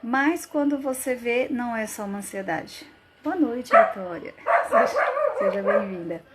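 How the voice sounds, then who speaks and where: A woman's voice: on the high side, lively intonation, a little slow. A woman psychologist hosts a live stream, talking conversationally and greeting viewers by name. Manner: conversational, addresses viewers as gente. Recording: noisy live-stream audio.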